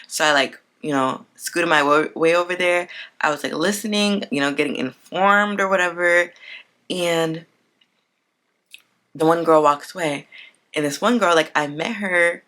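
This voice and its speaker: A podcast host in her twenties talks through her week unscripted, chatty and earnest, leaning heavily on "like." Her voice is fairly low, a bit bright, and measured in pace.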